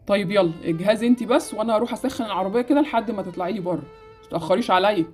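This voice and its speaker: A woman's voice: mid-range voice, rapid-fire, faint music behind, lightly acted. A woman with an Egyptian accent voicing a good-hearted but decisive husband in an amateur game animation. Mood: affable.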